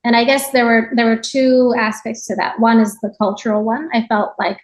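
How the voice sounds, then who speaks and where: A Japanese woman who teaches yoga appears as a podcast guest, sharing a reflective, conversational personal account sprinkled with small asides. Her voice is fairly high, her tone steady, and her pace moderate.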